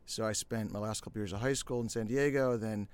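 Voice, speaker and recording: A middle-aged man from the United States, a podcast guest who tells his story in a relaxed, self-deprecating way. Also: fairly low pitch, a little fast, smooth. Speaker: podcast guest, sumo federation founder. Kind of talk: casual interview talk.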